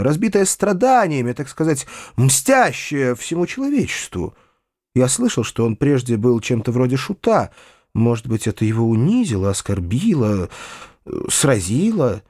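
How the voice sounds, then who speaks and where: Male narrator, lively varied delivery, dry close sound, audiobook reading. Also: mid-range voice, no echo. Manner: expressive, hesitant in first-person dialogue. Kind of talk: audiobook reading of classic fiction.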